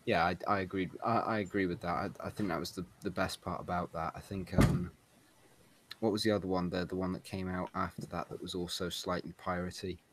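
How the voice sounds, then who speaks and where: A man's voice: sits low, little pitch movement, fairly quick, noisy background. A man hosting a casual gaming podcast, chatty, laughing and mimicking lines from games. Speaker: podcast host.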